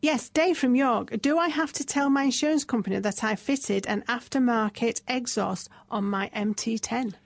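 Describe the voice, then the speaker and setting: A woman's voice: fairly high pitch, normal speed, vocal fry, hardly any pauses, dry recording. A woman co-hosting a radio show, reading out listener questions in a brief, matter-of-fact way.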